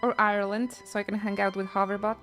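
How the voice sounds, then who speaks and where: A woman's voice: medium pitch, little pitch movement, fast, fairly bright tone, soft background music. A woman from Poland, chatting casually with her stream in a joking, self-mocking way. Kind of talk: casual chat with chat readers.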